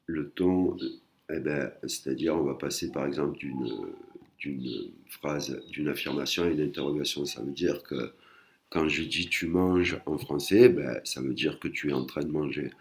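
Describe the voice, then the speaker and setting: A man's voice: rumbling low, moderate pace. A man teaching a language lesson, patient and explanatory, often repeating and rephrasing himself. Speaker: Thai teacher.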